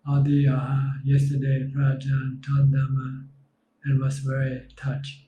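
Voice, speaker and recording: A man with a Thai accent, a monk calmly reading out viewer comments and guiding meditation in a live Q&A. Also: mid-range voice, recorded from a distance, a little hiss or hum. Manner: slow, calm, reads viewer comments aloud. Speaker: monk answering questions. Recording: dull lo-fi sound in a roomy space.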